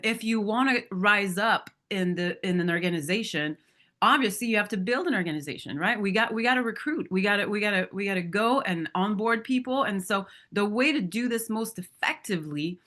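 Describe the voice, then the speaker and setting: A woman's voice: medium pitch, brisk, pushed and bright. A woman in her thirties or forties giving a motivational talk to a sales team on stage, candid and storytelling, often asking the audience questions. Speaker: motivational speaker at a sales training.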